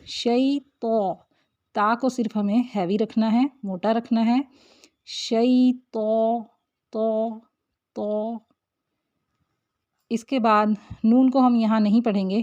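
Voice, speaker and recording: A woman's voice: on the high side, a little mellow. A woman teaching Quran recitation, patiently drawing out syllables one by one to show how they are said. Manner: patient, slow drawn-out syllable demonstrations. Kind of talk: tajweed lesson. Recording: dull lo-fi recording.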